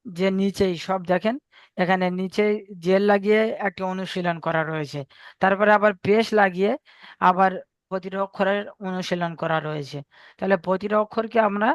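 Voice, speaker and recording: A man's voice: high-pitched, dry recording. A man teaching Arabic letter reading in an online class, patiently repeating each point and quizzing his students over a video call.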